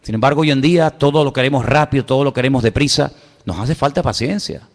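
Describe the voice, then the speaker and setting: A middle-aged man with a Spain Spanish accent preaching a sermon as pastor, animated, with rhetorical questions and sudden soft asides. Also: medium pitch, quick pace, creaky. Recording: church hall with long reverb.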